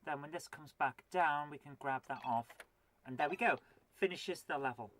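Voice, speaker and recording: Forty years old and nursing a cold, this woman hosts a live retro gaming stream in a deep, fairly bright voice at a moderate pace. As she plays, she chats with viewers, mutters to herself and pokes fun at herself.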